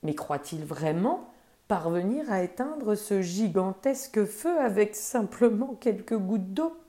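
A woman's voice: mid-range voice, animated, slow, mellow. A woman voicing a group of gods who watch in disbelief and urge the bird to flee, in a storybook reading. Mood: incredulous. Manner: incredulous, urging. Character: group of doubting male gods.

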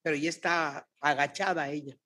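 A middle-aged Mexican woman, a guest prophet, telling a lively faith story on a podcast and acting out the dialogue. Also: low-pitched, normal speed. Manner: animated, acts out dialogue.

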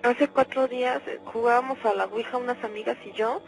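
A woman's voice: a little high, steady tone, fairly quick, gravelly, faint music behind, low-quality recording. Frightened young woman caller. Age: young adult. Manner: frightened, pleading. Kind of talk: radio call-in.

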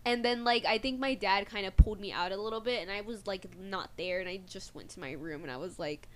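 A woman's voice: medium pitch, brisk. A young woman, a guest, telling a personal story in casual chat, rambling with many fillers.

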